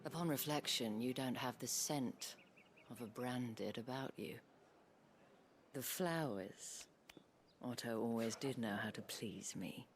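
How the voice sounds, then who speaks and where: Sly seductive madam, husky half-whisper, slow and unhurried, game cutscene. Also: female voice, a bass voice, faint music behind, exaggerated voice. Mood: teasing.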